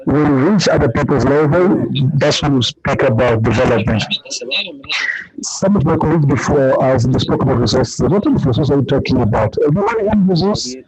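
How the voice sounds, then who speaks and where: A man speaks as a live conference interpreter at a medium pitch. His delivery is halting and comes phrase by phrase, with pauses inside sentences. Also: darkish tone, low-quality recording. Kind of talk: live interpreting of public speeches.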